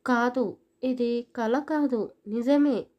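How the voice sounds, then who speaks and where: A woman's voice: fairly high pitch, extremely slow, highs cut off. A woman voicing a brusque, impatient young husband in an audio story, with curt, scolding lines. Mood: fretful.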